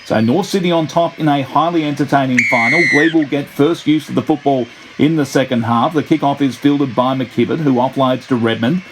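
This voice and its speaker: A man's voice: mid-range voice, fairly quick, few pauses, background noise. A man commentating on a rugby match play-by-play in the formal, descriptive style of an old-time radio sports announcer. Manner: formal, descriptive play-by-play that builds to excited calls.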